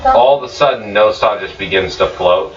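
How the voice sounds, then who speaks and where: A man narrating as dungeon master at a tabletop game, slow and grim, with swearing. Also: lowish voice, far from the mic, a crowd in the background. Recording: roomy, muffled, noisy recording from off mic.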